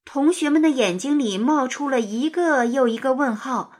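A woman narrating a children's story in an expressive, sing-song storytelling manner. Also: sits high, normal speed, husky.

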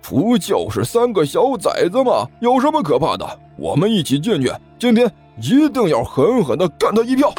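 A high, jumpy voice of a cowardly young street thug, as a male storyteller puts him on. He stammers and pleads, swinging up and down with nerves, over faint background music. It is a storybook sidekick, timid and eager to please. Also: huge pitch swings, normal speed, darkish tone, breathy edge, exaggerated voice. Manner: stammering, nervous, wheedling.

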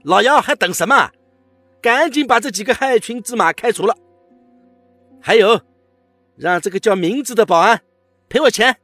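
A shrill sneering office boss. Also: male voice, lively intonation, moderate pace, long pauses, sharp tone, no echo, faint music behind, full character voice. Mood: sneering threat. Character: arrogant spiteful middle-aged male department head.

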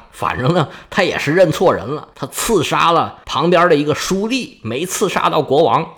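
A man telling a history story in a comic, chatty way, full of joking asides. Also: on the high side. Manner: lively, joking asides, crosstalk-like banter.

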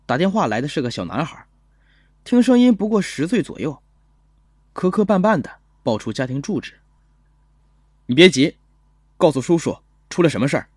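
A man voicing a young police officer who tells his story in a calm, gentle, measured first-person narration for an audio drama. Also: on the high side, slightly rough, dry recording, clean studio sound.

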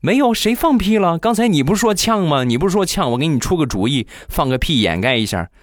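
A man's voice: a little high, big pitch swings, fast talker, no echo, clean studio sound, voice pushed up. A man voicing a sly young boyfriend who protests in a whiny, defensive way.

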